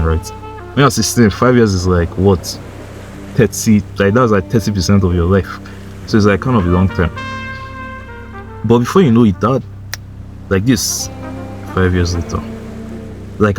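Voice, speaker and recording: A man in his twenties giving young viewers a casual, blunt motivational talk, swearing and saying "like" and "bro" a lot and repeating his points to drive them home. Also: fairly low pitch. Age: 20s. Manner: insistent, repeats points for emphasis. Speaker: motivational YouTuber.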